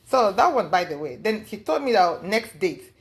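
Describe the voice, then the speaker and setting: A woman telling her story in a casual interview, rambling with many fillers and acting out what others said in a high voice. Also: big pitch swings, normal speed. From lives in the US. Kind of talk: casual storytelling recounting events.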